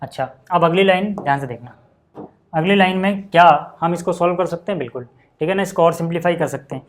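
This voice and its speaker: A man's voice: on the high side, quick pace. A man teaching maths at a board, chatty and explaining step by step, often asking if the class follows. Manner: chatty, asks check-in questions.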